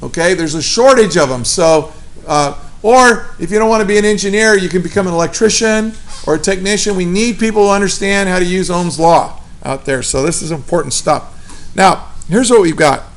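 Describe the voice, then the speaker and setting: High, gravelly male teacher, casual chatty lecture style. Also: a little fast. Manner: casual, chatty, asks the class questions. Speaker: physics teacher. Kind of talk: classroom lecture.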